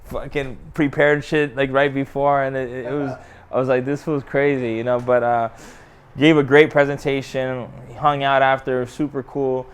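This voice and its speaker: Smooth-voiced young man telling a story. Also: medium pitch, flat delivery, normal speed. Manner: slangy, swears freely, many restarts. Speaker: guest. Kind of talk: casual storytelling.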